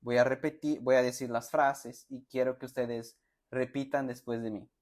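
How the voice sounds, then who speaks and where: A man teaching a pronunciation lesson, slowly sounding out example words and syllables for learners to repeat, with friendly check-in questions. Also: medium pitch, little pitch movement, a little mellow. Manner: slow, deliberate, sounds out words and syllables for repetition; friendly, addresses students directly with check-in questions. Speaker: Spanish teacher.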